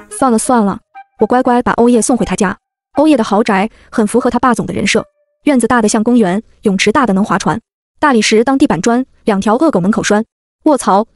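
A woman narrates a comic web-novel story in the first person, with snark and quick jokes. Her voice sits a little high and races along at a very fast clip. Soft music runs quietly under the reading.

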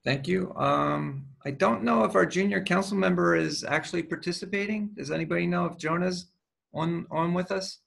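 Gravelly man chairing a council meeting. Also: sits high, fairly bright tone. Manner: brisk, procedural. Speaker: council president.

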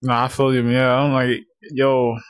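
A man's voice: medium pitch, flat delivery, unhurried, clean tone, no room sound. A young man playing games with friends, casual and playful, with slangy, swearing reactions. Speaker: gamer, video host. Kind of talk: casual gameplay banter with friends.

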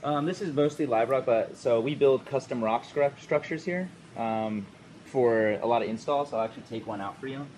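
A man's voice: mid-range voice, moderate pace, darkish tone. A man working at a coral store, casually explaining how things run during a walk-through tour. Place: indoor aquarium store room full of tanks. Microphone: handheld camera mic, a few feet away. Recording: noisy shop with constant equipment hum.

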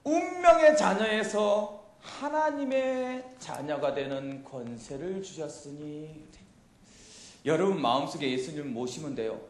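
A middle-aged man preaching a youth sermon into a handheld mic in a church hall, animated and quizzing his listeners with questions. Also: fairly high pitch, a little slow. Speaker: pastor. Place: church hall with chalkboard, indoors.

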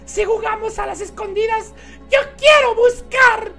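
A man's voice: extremely high pitch, a little slow, creaky, sharp tone, faint music behind, voice pushed up, exaggerated voice. A man voicing a bubbly, naive young girl in a giddy, sing-song squeal.

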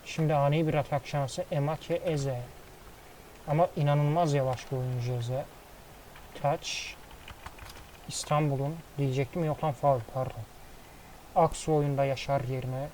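Excitable man calling a football game. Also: on the high side, unhurried, long pauses, slight background noise, low-quality recording. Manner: excitable play-by-play, swears casually. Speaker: gaming commentator. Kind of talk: casual football game commentary.

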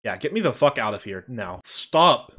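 A man streaming a game, joking, swearing and reacting loudly with laughs and yelps. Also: medium pitch, very animated, moderate pace. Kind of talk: casual gameplay commentary. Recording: game music behind the voice.

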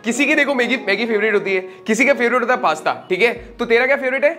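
High-voiced young man hosting a food challenge. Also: very fast, over music. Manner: chatty, keeps asking "ठीक है?"; talks while eating. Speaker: vlog host. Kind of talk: casual food challenge vlog.

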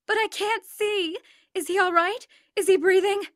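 A woman's voice: animated, a little slow, no room sound, studio quality. A woman reading an audiobook, voicing an injured young mother who cries out in panic after a car crash. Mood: frantic. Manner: crying out, high and pleading.

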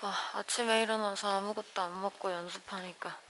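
A woman's voice: medium pitch, steady tone, fairly quick, noisy background. A woman in her twenties, a dance student, chatting casually to her camera while speaking through a face mask. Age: 20s. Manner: chatty, talking to herself while going about her day. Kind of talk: casual vlog chat.

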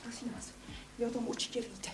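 Actress doing a panicky mom, high pitched, begging for news, 80s tv comedy. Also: female voice, fairly even intonation, a little hiss or hum, natural voice. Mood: anxious. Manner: pleading, anxious. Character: anxious middle-aged mother, easily panicked. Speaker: worried mother. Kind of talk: 1980s TV comedy acting.

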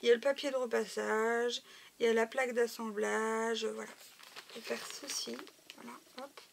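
A woman's voice: a little high, level tone, normal speed, vocal fry. A woman chatting casually as she shows off craft supplies for sale, with lots of "euh" and "voilà". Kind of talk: casual show-and-tell video. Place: home craft room. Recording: noisy home recording, crinkling packets.

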